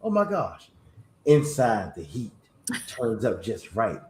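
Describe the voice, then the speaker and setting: Animated man chatting in an echoey room. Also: lowish voice, slow pace. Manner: animated, playful, reads card text aloud. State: slight cough. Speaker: podcast host. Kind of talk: casual chat.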